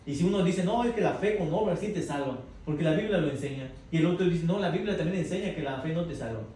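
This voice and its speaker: A man's voice: a little high, animated, quick pace, warm tone. A man leading an interactive Bible class, quizzing the group and tagging his points with "right?". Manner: asks the group questions, tags lines with "verdad?". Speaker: Bible study teacher. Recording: echoey room from far off, faint noise.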